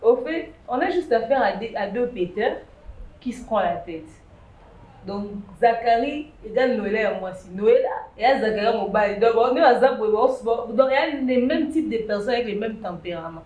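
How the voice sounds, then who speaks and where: A woman, chatting lively on a talk show panel, with emphatic bursts. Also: on the high side, moderate pace, muffled recording. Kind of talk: casual chat show commentary. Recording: echoey room with faint noise.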